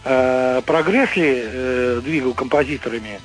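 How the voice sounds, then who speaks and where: A man's voice: medium pitch, unhurried. A man phoning in as a radio guest, explaining things in a discursive, conversational way. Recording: telephone guest with music behind. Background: music.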